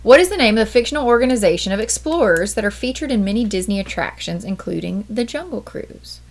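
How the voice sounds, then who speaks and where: A woman's voice: mid-range voice, animated, fast talker. A woman co-hosting a casual trivia livestream, reading out questions and teasing her partner in a playful way.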